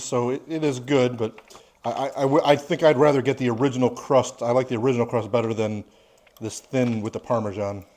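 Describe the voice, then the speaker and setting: A man's voice: medium pitch, a little mellow. A man in his forties giving a casual, plain-spoken food review with his child. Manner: easygoing, plain-spoken, opinionated.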